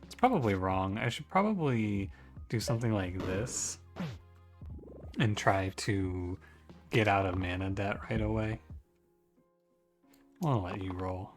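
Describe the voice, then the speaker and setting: Lower-pitched man thinking aloud over a game. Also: expressive, measured pace, long pauses, faint music behind. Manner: musing, self-correcting, conversational. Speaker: gaming streamer. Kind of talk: casual strategy game commentary, thinking aloud.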